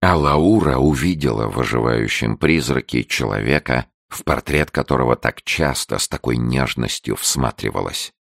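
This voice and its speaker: A man reads a story aloud in a very deep voice with heavy gravel in it. His delivery is steady and measured, in a dry, close sound. It is classic audiobook narration. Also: no echo.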